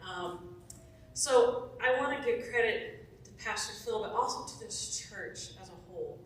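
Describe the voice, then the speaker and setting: A woman in her forties, chatty and laughing often, telling a warm testimonial story to a church. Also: medium pitch, lively intonation, normal speed, slight background noise. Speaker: former church member giving a testimonial. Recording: echoey room from far off.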